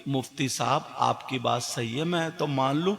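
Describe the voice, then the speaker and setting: A man voicing a weeping, anxious old village woman who pleads and bursts out loudly. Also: medium pitch, gravelly, faint music behind. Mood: pleading. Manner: pleading, tearful, sudden loud outbursts.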